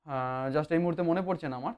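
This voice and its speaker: An English grammar teacher giving an explanatory online lesson, with many drawn-out fillers and key points repeated. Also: mid-range voice, darkish tone.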